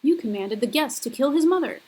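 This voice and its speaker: A woman's voice: sits high, expressive, brisk, warm tone, husky, pitched above the performer's own voice, poor audio. A woman lecturer voicing the wrathful leader of ancient female avenging spirits in a read-aloud scene, speaking in an accusing, emphatic way.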